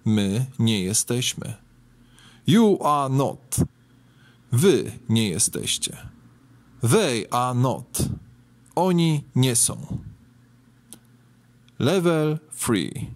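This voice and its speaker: Slow, lively-voiced male English teacher. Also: mid-range voice, dry recording. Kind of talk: bilingual language lesson.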